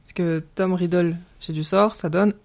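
A woman hosting a casual podcast discussion, explaining details in a lively way. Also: lowish voice, moderate pace, creaky.

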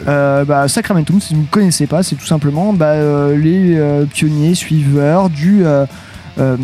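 A man's voice: fairly high pitch, warm tone. A man hosting a music radio show, chatting casually with many fillers. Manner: hesitant, lots of fillers.

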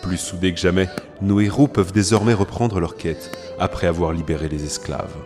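A man's voice: low voice, steady tone, fairly quick, close to an everyday voice. A man playing a solemn, grand storyteller delivering scripted mock-epic narration. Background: music.

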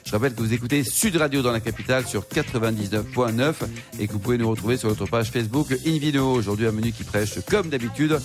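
Male radio host, rapid speech, joking, cuts in, music playing underneath. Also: medium pitch. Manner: quick, joking, cuts in with questions. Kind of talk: live radio wine talk show. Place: wine bar with a live audience.

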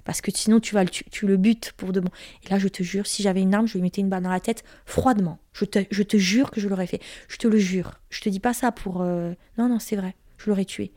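A woman's voice: medium pitch, steady tone, a little fast, warm tone, dry recording, clean studio sound. A young woman from Corsica frankly telling a personal story in casual talk, crude and emphatic, acting out what people said. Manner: frank, crude, emphatic retelling with acted quotes.

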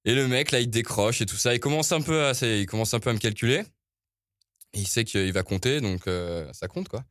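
A man who organizes events tells a casual anecdote in slangy, conversational speech, often pausing and hesitating as he goes. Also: medium pitch, expressive, a bit bright, no room sound, studio quality. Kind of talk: casual storytelling.

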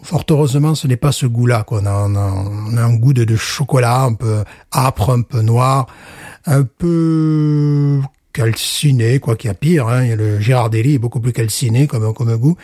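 Man, beer podcast co-host, punning and self-mocking, dark tone. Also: mid-range voice, normal speed, dry recording, studio quality. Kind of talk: casual beer podcast chat.

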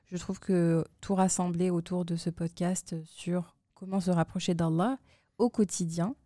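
A woman co-hosting a podcast, explaining things in a measured way with frequent hesitations. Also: lowish voice, steady tone, mellow, dry recording, clean studio sound. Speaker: podcast co-host. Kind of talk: casual podcast chat.

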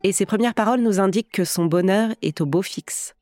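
With music playing behind her, a woman who is both podcast host and actress performs a scripted tale in a dramatic storyteller style. She speaks briskly at medium pitch, her tone mellow, with no room sound.

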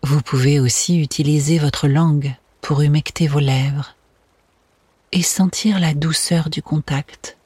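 Slow, breathy, soft spa-like whisper guiding meditation. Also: medium pitch, fairly even intonation, dry recording. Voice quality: breathy, hushed. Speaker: guided meditation instructor. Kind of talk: guided meditation narration.

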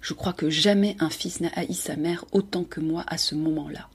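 Casting: woman narrator, low pitch, breathy, measured expressive audiobook reading. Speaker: host and reader.

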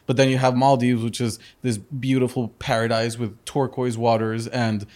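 This business guest, a Spain-raised entrepreneur in his thirties, talks earnestly at normal speed in a mid-range, slightly mellow voice with little pitch movement. In the casual interview he keeps restarting sentences and ending them with "correct?".

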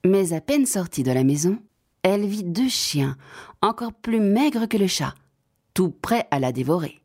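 A woman narrating a children's fairy tale in an expressive, measured way. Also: mid-range voice. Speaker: storyteller.

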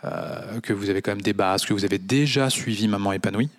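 A man's voice: lowish voice, brisk. A man hosting a podcast, talking bluntly and mockingly with plenty of swearing, standing in his kitchen at a microphone. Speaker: podcast host. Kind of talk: casual podcast monologue.

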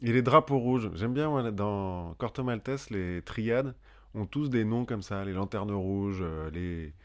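A man's voice: lowish voice, unhurried. A man co-hosting a casual history podcast, chatty and joking, often restarting his sentences with fillers. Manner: joking asides. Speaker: podcast co-host.

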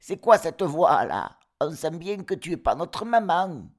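A man voicing a bunch of cheeky young goat kids in a comic storybook reading, loud and mocking. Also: sits high, steady tone, a little slow, pitched above the performer's own voice. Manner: cheeky, shouting, slangy.

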